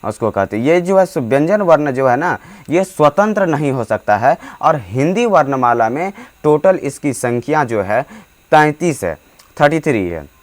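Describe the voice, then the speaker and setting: A man's voice: a little high, sing-song. Guy explaining grammar to students, lots of umms and restarts, drags out vowel sounds. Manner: halting, many fillers and restarts; drawn-out demonstration vowels. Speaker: teacher. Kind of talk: hindi grammar lesson.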